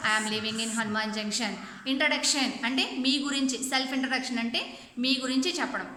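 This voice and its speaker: A woman teacher with a Telugu accent giving an online English lesson to children, speaking slow, careful English and quicker explanations in between, sometimes spelling words out letter by letter. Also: a little high, pushed and bright, reverberant, slight background noise.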